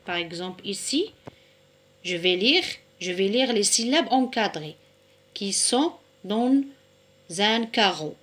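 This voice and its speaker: Very slow, patient woman teacher. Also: mid-range voice, lively intonation, a bit bright. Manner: slow and deliberate, splitting words into syllables; patient, repeats each word. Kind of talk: recorded reading lesson for children.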